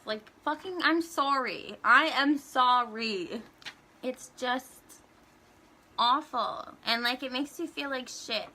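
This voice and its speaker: Young woman vlogger ranting, swears a lot, laughs between points, bright sharp voice pitched a bit high. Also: a little hiss or hum. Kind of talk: casual ranting countdown.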